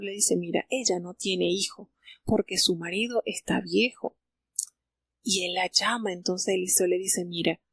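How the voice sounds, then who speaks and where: Gravelly-voiced woman retelling a Bible story. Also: medium pitch, dry recording. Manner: retells scripture as a story, quoting characters' dialogue; unhurried, with frequent fillers and restarts. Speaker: Bible teacher. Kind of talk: live Bible reading commentary.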